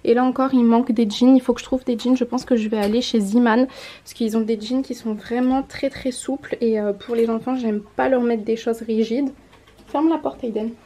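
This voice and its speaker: Chatty young mom with a mellow voice. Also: female voice, on the high side, fairly even intonation, a little fast. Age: 20s. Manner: chatty, self-correcting, showing items to camera. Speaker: mom vlogger. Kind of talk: casual haul vlog. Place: home room by a window.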